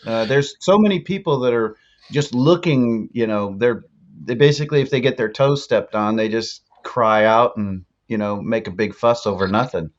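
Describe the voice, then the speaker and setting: A man's voice: medium pitch, normal speed, lo-fi sound. A man telling stories casually as a guest, chatty and acting out his own past remarks. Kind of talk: casual storytelling.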